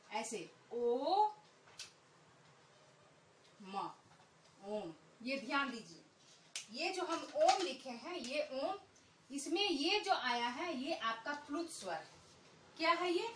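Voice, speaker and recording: A woman's voice: high-pitched, a bit bright, recorded from a distance, slight background noise. A woman teaching a lesson to children, patiently repeating points and drawing out vowel sounds. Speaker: Hindi teacher. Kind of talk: online Hindi lesson for children. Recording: echoey room, voice a bit off-mic.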